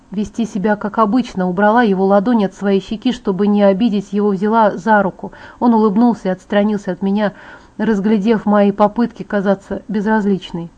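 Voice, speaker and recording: A woman's voice: medium pitch, mellow. A woman with a mid-range voice narrating a first-person audiobook. She reads steadily and evenly, now and then stumbling slightly. The recording is dull and lo-fi.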